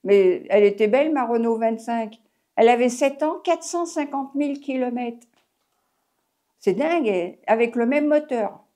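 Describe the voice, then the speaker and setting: A French woman in her eighties who drove taxis for a living shares her memories in an oral history interview. She rambles and restarts often in a chatty way, her voice on the high side, dark and expressive, at a moderate pace.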